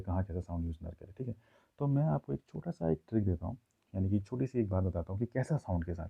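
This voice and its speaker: A man teaching a classroom grammar lesson, explaining slowly and checking in with his listeners often. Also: lowish voice, creaky, husky. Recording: tinny phone-like audio.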